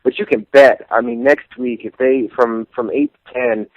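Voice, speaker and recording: A man's voice: mid-range voice, sing-song, moderate pace, creaky, dry recording, highs cut off. A man hosting a casual wrestling talk radio show, chatty and loose, swearing offhandedly.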